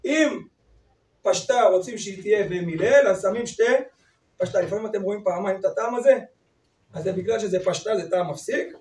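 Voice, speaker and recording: A man leading an interactive lesson on Torah cantillation, briskly urging participants to read on. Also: high voice, a little mellow. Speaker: teacher of Torah reading to teachers. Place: classroom or hall with group. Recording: echoey room, far from mic.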